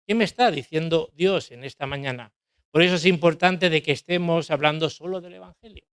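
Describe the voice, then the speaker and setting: A man's voice: a little high, a bit bright, smooth, dry recording, clean studio sound. A middle-aged man preaching a sermon in a church, emphatic, repeating key phrases and asking rhetorical questions.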